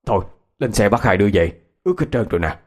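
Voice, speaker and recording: A man's voice: fairly low pitch, lively intonation, fast. A man voicing an older village neighbor who soothes a scared child in a folksy, reassuring way. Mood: soothing. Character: older male village neighbor, calm and fatherly.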